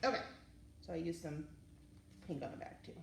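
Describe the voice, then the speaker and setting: Leading a craft and story session for young kids, this woman speaks with a fairly low, gravelly voice, lively intonation and a moderate pace. Her tone is casual and encouraging as she guides them step by step. The audio is roomy and distant, with a little background noise.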